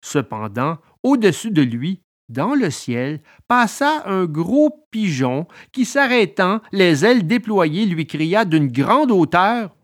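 A woman narrating a storybook reading in an expressive, animated way. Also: fairly low pitch, slow.

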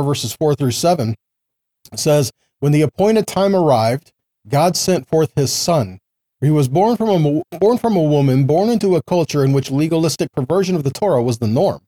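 A man whose voice sits fairly high but sounds mellow teaches an informal Bible lesson, shifting between reading scripture and explaining it like a teacher. He frequently asks the listener rhetorical questions and looks for agreement.

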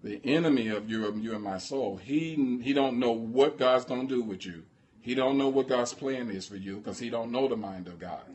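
A man's voice: medium pitch, moderate pace, darkish tone. A man preaching a sermon as pastor, impassioned and drawing call-and-response from the congregation.

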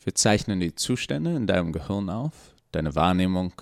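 A man's voice: sits low, sing-song, moderate pace, vocal fry, dry recording, studio quality, full character voice. A man playing an awkward, hesitant doctor. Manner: hesitant, full of ums. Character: awkward, evasive male research doctor.

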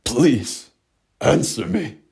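A man acting Scrooge in a hobby audio drama, pleading and shouting dramatically. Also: medium pitch, animated, extremely slow, gravelly. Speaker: amateur voice actor playing Scrooge.

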